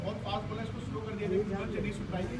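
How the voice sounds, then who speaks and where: A man's voice: high-pitched, flat delivery, rapid-fire, a loud crowd. A man leading an interactive lesson for school students. He keeps checking in with the class and praises them often. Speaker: school workshop facilitator. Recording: distant, dull mic with faint room noise.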